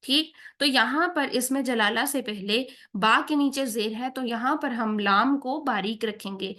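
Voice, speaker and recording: A patient woman teaches Quran recitation, and her voice sits a little high. She explains each pronunciation point step by step and keeps checking that her learners follow. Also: pushed and bright. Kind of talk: tajweed lesson with slow recited examples.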